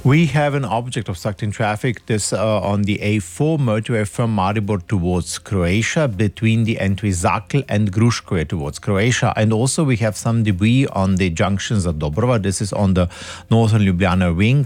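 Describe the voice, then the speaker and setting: A man with a lowish voice reads a radio traffic bulletin in a steady, matter-of-fact way. The sound is dry and close, as in a studio. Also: no echo. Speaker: traffic reporter.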